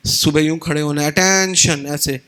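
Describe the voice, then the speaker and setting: Male retreat preacher, middle-aged, high-pitched, animated storytelling lecture style. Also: moderate pace, smooth. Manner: animated, acts out dialogue, mixes in English words. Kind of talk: Hindi devotional lecture.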